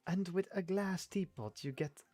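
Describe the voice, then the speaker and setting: A man reading a game's dialogue and narration aloud as a streamer, halting and stumbling a little. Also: sits high, darkish tone, faint music behind. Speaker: game streamer.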